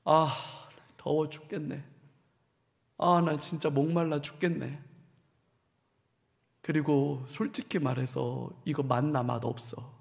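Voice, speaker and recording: A man acting out a grumbling Israelite, fed up and whiny, with his complaints carrying in a high, bright register. The voice rings out with the long reverb of a big church hall. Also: fairly even intonation, slow pace, gravelly, long pauses. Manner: complaining, exasperated.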